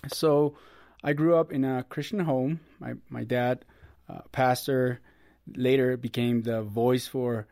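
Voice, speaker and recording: A man in his thirties, guesting on an interview. He talks in an earnest, upbeat way at a middling pitch. The recording is dry and close. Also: steady tone, takes it slowly, a little mellow, dry recording. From Costa Rica. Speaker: guest, ministry producer. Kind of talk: casual interview.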